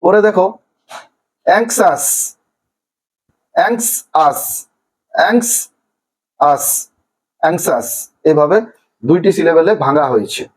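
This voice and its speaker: A man from Bengal teaching a primary school English lesson, sounding words out slowly syllable by syllable. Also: on the high side, expressive, breathy edge, low-quality recording. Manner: slow, drawn-out pronunciation of each word by syllables. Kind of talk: classroom lesson explaining vocabulary.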